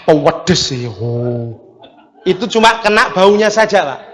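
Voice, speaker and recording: A man with a Javanese accent preaching a sermon in an animated storytelling manner, acting out other voices. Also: high voice, unhurried, big-room sound. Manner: animated storytelling, mimics voices, mixes in local words.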